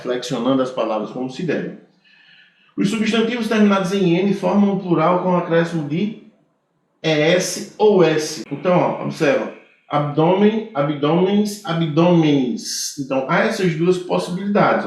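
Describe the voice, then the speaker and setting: Echoey Brazilian male grammar teacher. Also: a little high. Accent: Brazilian Portuguese. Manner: explains step by step, frequent "tá certo?" checks. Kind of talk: grammar lecture. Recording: very echoey room.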